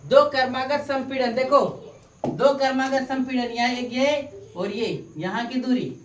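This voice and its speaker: A fairly high-pitched woman tutor lectures a classroom, repeating each term and turning it into a question for the students to answer. She sounds distant from the mic in a roomy, echoing space. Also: fairly even intonation, measured pace, slight background noise. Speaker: science tutor. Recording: echoey room, far from the mic.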